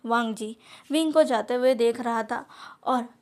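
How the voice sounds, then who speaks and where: A woman's voice: fairly high pitch, a little slow. A woman reading her own fan-fiction story aloud as a storyteller.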